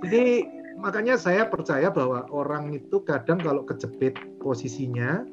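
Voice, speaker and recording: A talkative man in his forties tells his story in an easygoing interview, full of fillers, and brings remembered dialogue to life. His voice sits a little high. The audio is dull and lo-fi, with music clearly playing underneath. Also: normal speed. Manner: animated, acts out remembered dialogue, frequent fillers. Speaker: guest, property and franchise investor.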